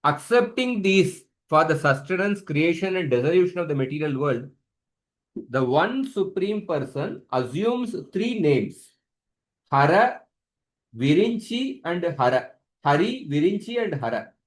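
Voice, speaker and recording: A man teaching a scripture class, chanting Sanskrit verses slowly for students to repeat and patiently explaining pronunciation. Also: fairly high pitch, sing-song. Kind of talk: online scripture class with call-and-response chanting.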